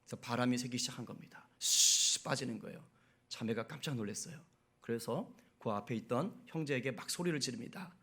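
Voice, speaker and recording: A man preaching a Sunday sermon as pastor. He asks the congregation questions and answers them himself, and builds to loud, emphatic preaching. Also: mid-range voice, a little fast, slightly rough.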